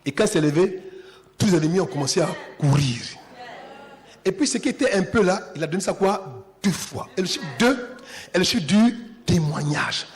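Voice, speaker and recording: A male pastor preaching a sermon in a church, swinging from hushed, intimate lines to shouted climaxes and driving repeated refrains. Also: sits high, expressive, normal speed. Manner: call-and-response repetition.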